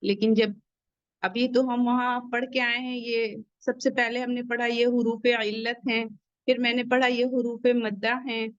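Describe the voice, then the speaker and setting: A woman's voice: on the high side, flat delivery, dry recording, lo-fi sound. A woman teaching a Tajweed lesson. She speaks patiently, repeats each point, and models sounds syllable by syllable. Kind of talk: online Quran recitation lesson.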